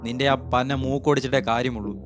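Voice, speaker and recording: A man's voice: mid-range voice, fairly even intonation, fast, close to an everyday voice. A man voicing a wounded, stubborn young swordsman in an anime recap, read plainly in his own voice. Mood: defiant. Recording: voice-over with clear music behind.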